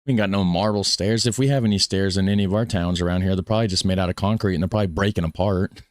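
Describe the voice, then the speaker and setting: A man's voice: deep voice, steady tone, very fast, dry recording, clean studio sound. An American man giving casual, folksy reaction commentary on a video, often repeating himself. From United States.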